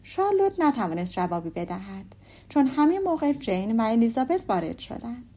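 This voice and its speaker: A woman narrates a classic novel in an even, steady storytelling voice. Her voice sits somewhat high. She reads the text plainly between the character parts. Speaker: audiobook narrator. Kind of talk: scripted narration.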